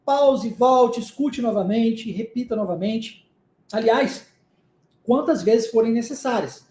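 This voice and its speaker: A man's voice: very high voice, takes it slowly, darkish tone, roomy sound. A man from Minas Gerais with a Minas Gerais Brazilian Portuguese accent, an English teacher giving a recorded online lesson and checking in often with short questions.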